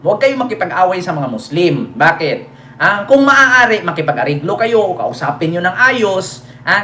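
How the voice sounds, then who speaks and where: A man's voice: sits high, fairly bright tone, echoey room, slight background noise. A man giving mocking, crude political commentary to his viewers, laughing often and teasing.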